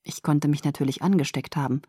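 A woman narrating a first-person story in a calm, measured audiobook reading. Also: low-pitched, husky, no room sound, studio quality.

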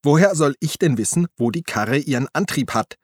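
A man's voice: a little high, moderate pace, no echo, studio quality, pitched above the performer's own voice. A man doing a whiny, sulky police partner. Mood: petulant. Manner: whiny, defensive, excitable. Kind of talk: audiobook character voice.

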